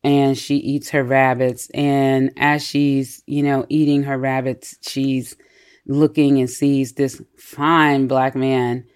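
A podcast co-host in a casual book discussion, retelling the story in an animated way with many fillers and frequent laughter. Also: mid-range voice, takes it slowly, smooth. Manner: laughs often while retelling.

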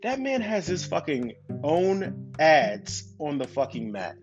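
A man's voice: on the high side, slow. A man giving a casual, profane rant about a fight, swearing constantly and firing questions at his viewers. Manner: swears constantly, animated, asks the audience questions. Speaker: commentator on fights. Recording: dull lo-fi sound with loud guitar music.

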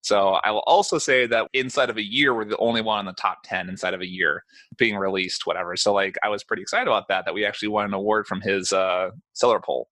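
A man hosting a podcast, talking casually and animatedly. His voice is low but bright and forceful, with a dry, close sound and no room around it. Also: fast, dry recording. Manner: animated, acts out quoted reactions. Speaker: podcast host. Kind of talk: casual chat.

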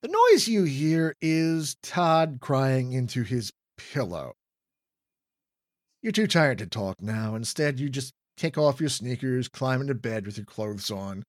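A man reads a children's horror gamebook aloud, drawing out the words for suspense. His pitch moves in a lively way, his pace is slow, and the sound is dry and close. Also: no echo. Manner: dramatic, drawn-out storytelling. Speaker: reader.

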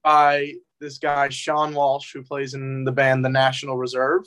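A man's voice: medium pitch, completely flat delivery, measured pace, fairly bright tone, clean tone. A young man from New Jersey, a musician guest, chatting in an easygoing, hesitant way with many fillers. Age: young adult. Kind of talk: casual interview chat.

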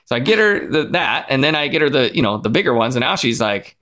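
A man's voice: medium pitch, big pitch swings, quick pace, pushed and bright. Rambling man telling a story. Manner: rambling storyteller with many restarts and fillers. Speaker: podcast co-host. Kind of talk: casual chat.

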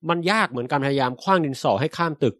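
A man's voice: mid-range voice, rapid-fire, a bit bright, no room sound, clean studio sound. A man co-hosting a casual science podcast, explaining space news patiently and politely, with frequent restarts.

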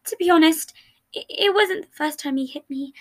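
A woman voicing a gentle, fatherly young man who talks softly and plaintively in a fan fiction reading. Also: high voice, moderate pace, voice pushed up, lightly acted. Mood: tearful. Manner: soft, plaintive, tearful pleading. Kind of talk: fan fiction read aloud.

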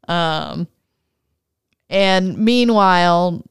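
Woman podcast co-host, casual and animated, slightly low and very clear, dry. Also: extremely slow, no room sound. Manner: animated retelling, playful quoted voices, frequent laughs. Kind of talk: casual movie recap chat.

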